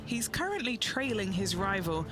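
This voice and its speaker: A man's voice: high-pitched, very animated, normal speed. A man voicing a keen, informal golf commentator in a video game, with music playing behind him. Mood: keen, impressed.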